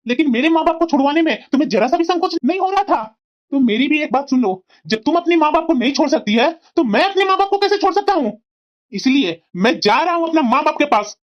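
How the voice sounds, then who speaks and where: A woman voicing a stern young cartoon husband. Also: high-pitched. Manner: lecturing, firm and reproachful. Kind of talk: cartoon family drama voicing. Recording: dull lo-fi sound.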